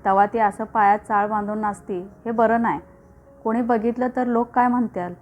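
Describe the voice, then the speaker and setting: A woman's voice: fairly high pitch, steady tone, moderate pace, darkish tone, lo-fi sound, faint music behind, lightly acted. A woman voicing an anxious village mother who keeps a secret, speaking in rural dialect. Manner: rural Marathi dialect speech.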